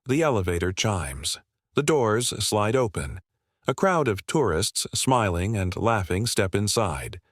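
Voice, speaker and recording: A male narrator tells a disaster story in a measured, grave voice, unhurried and deliberate. His tone sits on the low side and the recording is dry and close, with no room sound. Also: very animated, dry recording. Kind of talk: scripted dramatic narration.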